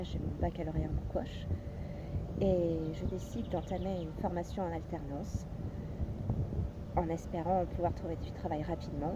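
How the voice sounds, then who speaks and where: Earnest woman telling her story over noise. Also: on the low side. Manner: measured and earnest, with occasional hesitations. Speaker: personal development coach. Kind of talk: scripted personal story narration. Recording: steady background noise with passing traffic.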